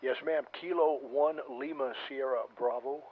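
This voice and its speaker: A man checking in as an amateur radio operator, polite and halting with repeated restarts, heard over a noisy, narrow ham radio transmission. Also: medium pitch, fairly even intonation. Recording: hissy, tinny two-way radio signal.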